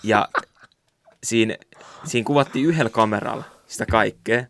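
Gravelly-voiced young man rambling casually. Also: lowish voice, a bit bright, a little hiss or hum. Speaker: podcast co-host. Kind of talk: casual chat.

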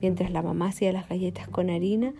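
A woman telling a children's story in an animated way, jumping into character voices. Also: on the low side, quick pace, gravelly, music in the background.

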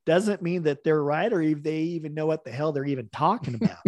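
A man as a podcast guest, telling stories in a casual, animated way and acting out the dialogue. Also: on the high side, a little fast, no room sound. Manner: animated, acts out quoted dialogue with laughs. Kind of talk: casual storytelling interview.

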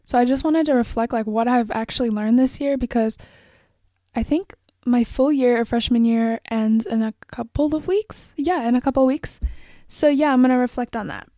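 A woman's voice: on the high side, normal speed, mellow, no echo, studio quality. A young woman in her late teens hosting a casual solo podcast, rambling and reflective with frequent fillers. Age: young adult. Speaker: podcast host. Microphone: phone and microphone.

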